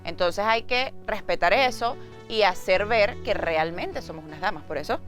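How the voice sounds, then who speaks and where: A woman's voice: mid-range voice, animated, moderate pace. Chatty woman, music behind. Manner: chatty, many fillers like "o sea". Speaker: guest, member of a women's biker group. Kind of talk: casual interview chat.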